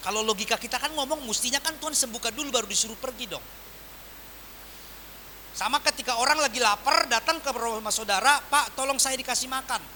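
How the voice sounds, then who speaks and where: A man preaching a sermon as pastor, swinging from loud emphatic lines to quiet soft ones. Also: very high-pitched, brisk, a little hiss or hum. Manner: animated preaching with wide swings in volume.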